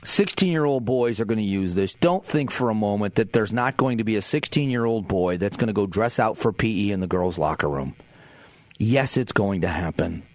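A man's voice: mid-range voice, no room sound. A man in his forties from Southwest Florida, hosting a talk radio show and delivering an opinionated monologue in a firm, emphatic, conversational way. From Southwest Florida, USA. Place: radio studio. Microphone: studio microphone.

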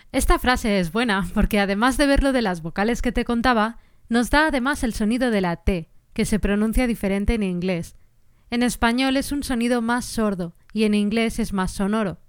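A woman, hosting a singing-lesson podcast and explaining things in a clear teaching tone. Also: on the high side, normal speed, no room sound, studio quality.

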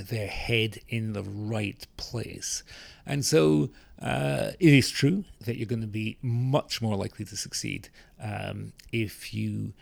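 A man, a public health expert, answering interview questions in a measured way with many fillers. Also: fairly low pitch, creaky, a little mellow.

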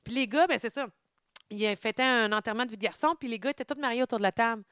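A young woman with a Québécois French accent telling an animated story in casual chat, swearing freely. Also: fairly high pitch, very fast, clear, resonant tone, dry recording, clean studio sound.

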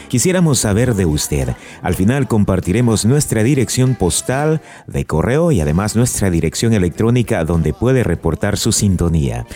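Man, radio host, deep mellow voice, lively intonation, scripted announcer delivery. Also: moderate pace, few pauses. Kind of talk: radio interview hosting.

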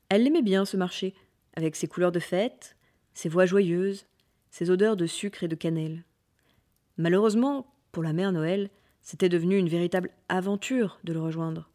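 A woman narrating a Christmas storybook with lively, playful delivery and little sound words. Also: on the low side, moderate pace.

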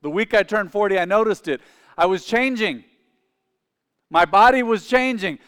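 At normal speed, a man in his forties preaches as pastor in a church sanctuary, his voice sitting high, smooth and fairly bright. He has the congregation repeat phrases after him, with the large hall producing a long reverb.

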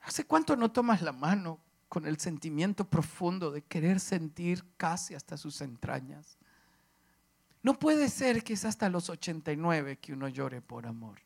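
Impassioned high-voiced male preacher. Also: big pitch swings, unhurried, creaky. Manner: impassioned, swinging from loud declarations to hushed emotional speech. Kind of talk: sermon.

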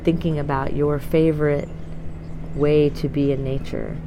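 A woman guiding a meditation in a calm, soothing, unhurried way with long pauses, speaking outdoors by the water. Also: sits low, lo-fi sound. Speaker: meditation guide and host. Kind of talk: guided meditation. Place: outdoors at a waterfront yacht club by a bay. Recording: windy outdoor noise, distant boat ambience. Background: outdoor wind and waterfront ambience.

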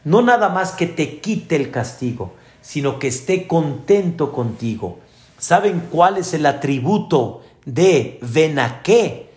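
A male rabbi preaching in slow, measured phrases in a fairly high voice. He speaks straight to his congregation, and the sound rings in an echoey room. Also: big pitch swings, darkish tone. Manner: slow, explaining, addresses listeners directly. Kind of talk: sermon.

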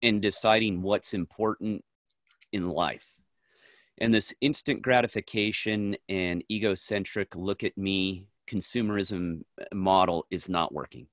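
A man's voice: low-pitched, fairly even intonation, unhurried, fairly bright tone, no echo, studio quality. A man co-hosting a podcast, speaking earnestly and emphatically in short, firm statements during a casual conversation. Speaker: podcast co-host.

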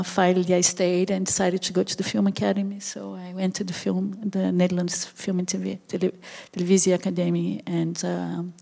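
A Brazilian documentary filmmaker, a woman, gives unscripted answers as an interview guest. Her mid-range voice is gravelly and flat, with a Brazilian Portuguese accent. She speaks haltingly, pausing often as she searches for words.

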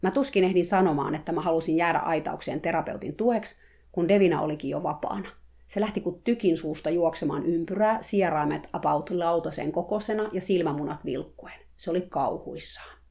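A woman reading a first-person story aloud in a calm, measured way. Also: lowish voice, gravelly. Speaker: narrator.

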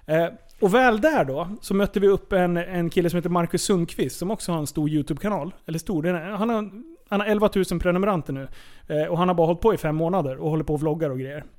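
A man's voice: sits high, darkish tone. A man co-hosting a casual podcast chat, joking and rambling through stories. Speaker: podcast co-host.

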